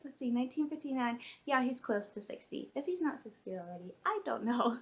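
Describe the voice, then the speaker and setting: A woman's voice: on the high side, lively intonation, fairly quick. A woman in her late twenties chatting casually to the camera from her room at home, rambling and giggling, with lots of fillers. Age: late 20s. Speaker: vlogger.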